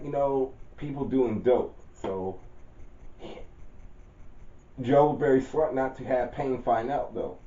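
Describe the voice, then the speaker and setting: In a dark, mid-range voice, a channel host loosely describes his own story character, using informal grammar and fixing his wording partway through sentences. The sound is a dull, echoey lo-fi home recording.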